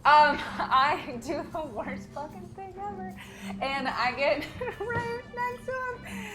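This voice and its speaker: Woman, tabletop player, high lively voice, slow, hesitant, laughing. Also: music in the background. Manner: hesitant, halting, with frequent laughs. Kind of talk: tabletop role-play.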